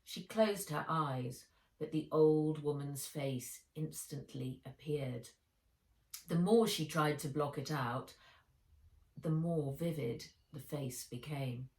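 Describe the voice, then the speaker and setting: An author reads her own children's adventure novel aloud as an audiobook, narrating expressively with dramatic emphasis. Her voice is low and a bit dark, and she takes her time. The room is echoey.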